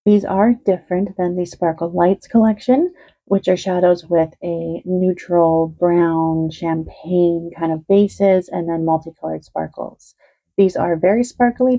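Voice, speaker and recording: Slightly winded woman, gravelly low-key voice. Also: dark tone, highs cut off. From Canada. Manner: hurried, listing color shifts one by one. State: a little winded from being sick. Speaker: beauty reviewer. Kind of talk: quick product review.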